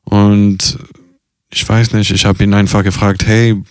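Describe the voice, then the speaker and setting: A young man speaks in a low, smooth, resonant voice at a very unhurried pace. He hesitates a lot, filling gaps and restarting sentences. The sound is close and dry. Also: little pitch movement, a little mellow, dry recording. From half Italian. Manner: slow, hesitant, many fillers and restarts. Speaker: interviewee, circus artist and carer. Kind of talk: casual personal interview.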